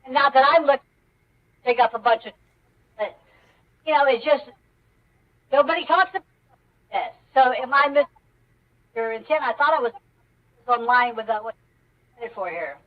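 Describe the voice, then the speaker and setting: A caller talking haltingly and restarting thoughts, heard through a pitch-raising voice changer on a line whose audio keeps cutting out. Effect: audio cutting out in dropouts. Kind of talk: call-in discussion. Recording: muffled distant call-in line with dropouts.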